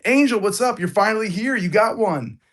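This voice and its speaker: Still recovering from being sick, a man runs a live card-opening stream and greets his viewers in an excited, pumped-up way, his voice a touch off. He speaks briskly and high-pitched.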